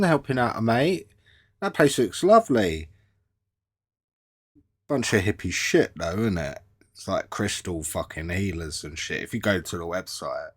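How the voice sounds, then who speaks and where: A man doing sarcastic commentary on clips, swearing a lot and mocking what he watches. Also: fairly low pitch. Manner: profane, mocking, lots of swearing. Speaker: commentary host reacting to clips.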